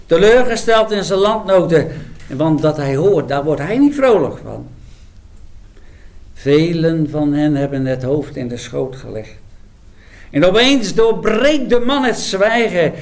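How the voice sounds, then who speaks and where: A man's voice: on the high side, sing-song, measured pace. A man preaching a sermon, retelling a scripture story with dramatic, emphatic storytelling.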